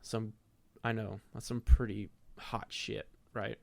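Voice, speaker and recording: A young man, the podcast's host, telling a self-deprecating, profane story in a casual, animated way. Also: fairly low pitch, slow, gravelly.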